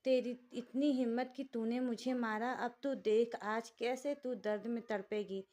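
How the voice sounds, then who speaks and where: A woman's voice: a little high, fairly even intonation, unhurried, a little mellow, natural voice. A woman voicing a cruel, threatening young man. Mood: menacing. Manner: menacing, harsh.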